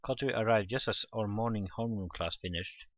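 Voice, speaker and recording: Over visual novel background music, a man with a fairly low voice talks quickly as he reads the game's text for a let's play. He fumbles words and reacts informally as he goes. The recording has no echo, and the high frequencies are cut off.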